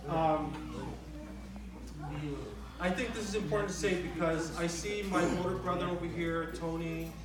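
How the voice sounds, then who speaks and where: A middle-aged man gives an informal eulogy, speaking in a halting, conversational way and often repeating his phrases. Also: on the high side, fairly even intonation, over a noisy crowd. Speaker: son giving a eulogy for his father. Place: large reverberant room at a memorial gathering. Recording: very echoey, distant microphone in room.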